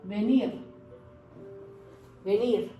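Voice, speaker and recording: A young language teacher from Mexico, in her 20s, draws out her words in a warm, medium-pitched voice. Her lesson is casual and spoken, chatty and encouraging with fillers and asides. There's a roomy echo with faint music behind her.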